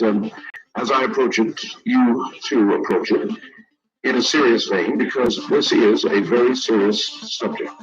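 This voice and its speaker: A man hosting a late-night radio call-in show, speaking gravely and ominously with dramatic pauses. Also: medium pitch, highs cut off. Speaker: radio host of a call-in ghost story show. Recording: radio broadcast with music behind. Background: music.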